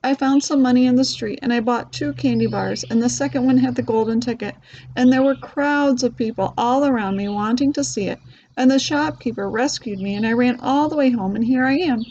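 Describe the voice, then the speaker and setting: Eager excited boy, as a woman reader puts him on. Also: on the high side, dull audio, a little hiss or hum, close to an everyday voice. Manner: breathless, rushing.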